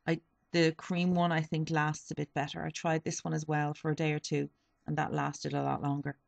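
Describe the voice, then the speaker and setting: Heavy background noise surrounds a low, creaky female voice delivered flatly at normal speed. She's a beauty vlogger in her twenties, a bit sniffly, giving a casual product review of a beauty haul full of ums and self-corrections.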